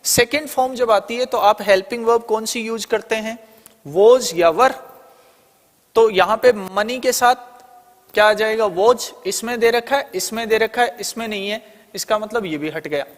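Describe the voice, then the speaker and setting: High-voiced Indian man teaching, echoey. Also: a little slow. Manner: explains step by step, often asking and answering his own questions. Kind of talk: online exam-prep lesson.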